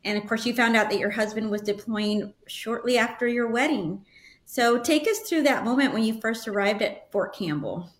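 A woman's voice: fairly high pitch, moderate pace. Upbeat interviewer woman in a roomy space. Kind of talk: interview questions.

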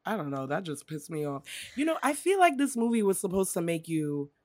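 A woman's voice: on the low side, big pitch swings, a little fast, a little mellow, dry recording, clean studio sound. A young adult woman co-hosting a podcast, ranting casually about movies, swearing freely and acting out quotes. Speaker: podcast co-host.

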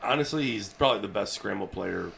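A man's voice: lowish voice, animated, fast, vocal fry, fairly bright tone, a little hiss or hum. A man co-hosting a casual podcast chat, talking bluntly with crude jokes. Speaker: podcast co-host.

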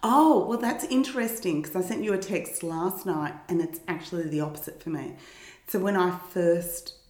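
A woman's voice: on the low side, moderate pace, darkish tone, roomy sound. A woman co-hosting a podcast in casual chat, teasing her co-host with playful banter.

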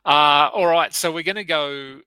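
A man hosts a casual podcast in a sharp, forceful voice. He is chatty and loose, with lots of "uh"s and restarts. The recording is dry and close-miked. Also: a little high, moderate pace, clear, resonant tone, no echo, low-quality recording. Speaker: podcast host.

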